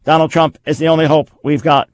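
A man's voice: on the high side, steady tone, a little fast, no echo, natural voice. A man doing a mock robot voice. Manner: mock robot voice, raised and louder. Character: offensive tweeting AI robot, mechanical, male. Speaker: radio talk show host. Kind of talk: talk radio monologue.

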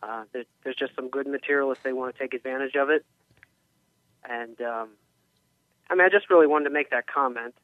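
A man's voice: medium pitch, dry recording. Guy calling a radio show, kinda hesitant, lots of ums, dry tinny phone audio. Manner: measured, hesitant, many ums. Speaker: caller. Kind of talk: call-in radio talk.

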